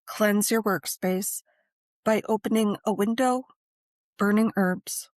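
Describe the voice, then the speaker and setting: A woman narrates a scripted guided meditation and ritual in measured, deliberate phrases with frequent pauses. Her voice is mid-range, and there is no room sound.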